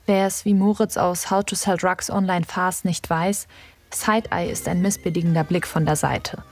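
Lower-voiced woman reporter narrating. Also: steady tone. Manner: measured, explanatory delivery. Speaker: radio reporter. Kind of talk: scripted radio narration.

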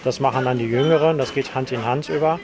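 A man's voice: medium pitch, fast talker, a crowd in the background. A man, a store owner, explaining his views in a conversational interview. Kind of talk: interview statement.

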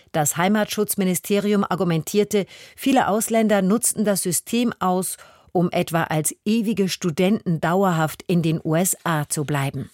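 A woman reading the radio news in a formal, even studio delivery. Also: fairly low pitch, dry recording. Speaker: newsreader. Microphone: studio mic.

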